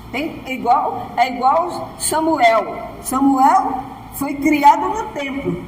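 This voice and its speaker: A woman's voice: high voice, slight background noise. A woman pastor with a Brazilian Portuguese accent, preaching a sermon from the church altar and often prompting her congregation for an "amen". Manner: preaches emphatically, often asking the congregation "Amém?". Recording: echoey church hall.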